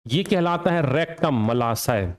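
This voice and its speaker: A teacher with a slightly high voice leads an exam coaching session, expressive and a little slow. He quizzes students aloud, answers his own questions, and drills each key point by repeating it.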